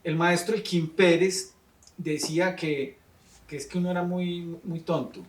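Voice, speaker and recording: A teacher interviews a guest in a thoughtful, rambling way, asking conversational questions. His voice is a little high, steady and unhurried, and he sits far from the mic, so the recording sounds roomy and off-mic.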